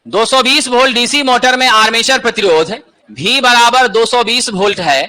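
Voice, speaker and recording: A man's voice: very high-pitched, normal speed, pushed and bright. A man teaching an exam-prep lesson, asking questions and answering them himself.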